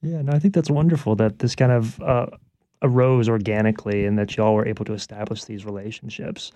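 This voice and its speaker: A man's voice: fairly low pitch, a little fast, no room sound. Laid-back man hosting an interview. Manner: relaxed, easygoing, frequent "uh" fillers. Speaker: radio show host. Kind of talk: conversational interview.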